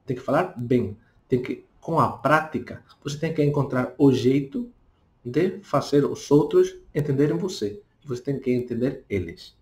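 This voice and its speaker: A man speaking with a Spanish accent, a native Spanish speaker who gives a casual spoken lesson, talking slowly and tagging his points with little questions. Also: mid-range voice, expressive, darkish tone. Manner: talks deliberately slowly, tags questions with "não?". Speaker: language teacher.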